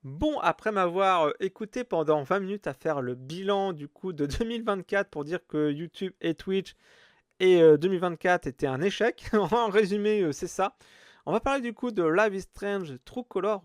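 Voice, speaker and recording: A man's voice: high voice, animated, normal speed, dry recording, studio quality. A man hosting a casual solo podcast, rambling with lots of hesitations. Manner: rambling, many hesitations and fillers. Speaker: podcast host.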